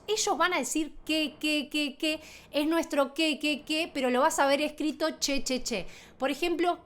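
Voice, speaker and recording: A young woman with a Rioplatense Spanish accent gives a casual language lesson. Her voice sits high and swings widely in pitch. She talks with animation and repeats words slowly so learners can follow. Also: fairly bright tone. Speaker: Italian teacher.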